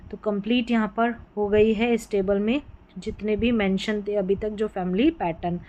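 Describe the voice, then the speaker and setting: A woman's voice: medium pitch, steady tone, moderate pace, warm tone, low-quality recording. A woman teaching an English reading lesson, patiently spelling out letter groups and then sounding out each word. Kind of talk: classroom-style phonics lesson.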